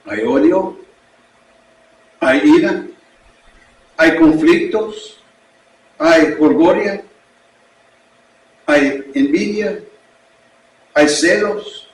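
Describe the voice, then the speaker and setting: Male pastor with an English accent, preaching slowly in his second language; recorded in a roomy space from a distance. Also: on the high side. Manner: slow, deliberate preaching in a learned second language. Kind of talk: sermon. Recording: echoey room, distant mic.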